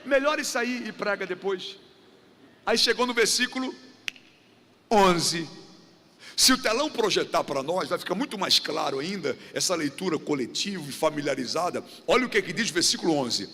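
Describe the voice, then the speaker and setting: A man's voice: high-pitched, lively intonation, normal speed, pushed and bright, a little hiss or hum. A Brazilian man preaching a sermon in a church, repeating refrains and acting out little dialogues as he talks. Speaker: guest preacher. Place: church sanctuary. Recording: church hall reverb.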